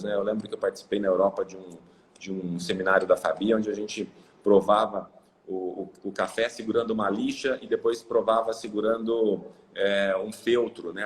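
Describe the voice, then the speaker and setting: A guest on a live video call, this Brazilian man exports coffee and hails from Ribeirão Preto. He talks loosely, full of fillers and restarts, in a Brazilian Portuguese accent and a fairly low voice. The recording is rough, with a bit of hiss or hum.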